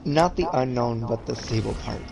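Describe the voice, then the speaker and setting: A man's voice: medium pitch, moderate pace, creaky, a loud crowd, low-quality recording. A man bantering sarcastically with friends while gaming over voice chat. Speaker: gamer in voice chat.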